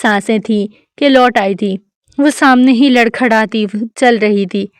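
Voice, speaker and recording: Woman narrator, smooth clear voice, dry close sound, steady novel reading. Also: on the high side, no echo. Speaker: novel reader. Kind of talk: scripted narration of a romance novel.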